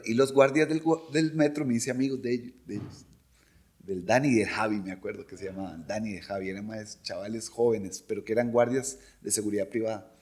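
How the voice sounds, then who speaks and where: Cantante costarricense contando anécdotas con soltura. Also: male voice, medium pitch. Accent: Costa Rican. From Costa Rica. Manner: animated, imitates voices of people in his stories. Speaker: singer, podcast guest. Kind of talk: casual interview storytelling.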